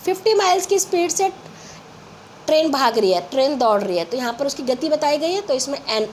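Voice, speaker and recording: A woman teacher with an Indian English accent and a high voice. She explains patiently, repeats sounds one by one, and draws out her example sentences. A faint hiss sits under the recording. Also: expressive. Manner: reads example sentences slowly and drawn out. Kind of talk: grammar lesson for school children.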